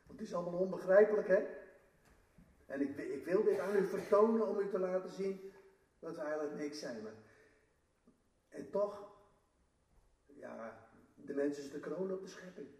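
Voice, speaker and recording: A man's voice: high voice, expressive, moderate pace, long pauses, a little mellow. A man preaching a sermon in an earnest way, building up to emphatic declarations. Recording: echoey room, mic at a distance.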